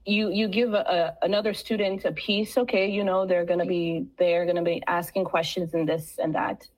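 A woman who teaches steel pan, speaking as a guest in a radio interview in an earnest, halting way with many restarts. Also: lowish voice, little pitch movement, low-quality recording.

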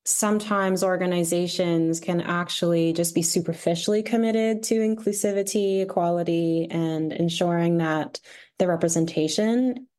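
A woman interviewing a guest in a relaxed conversation, casual and encouraging, with many filler words. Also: fairly low pitch, normal speed.

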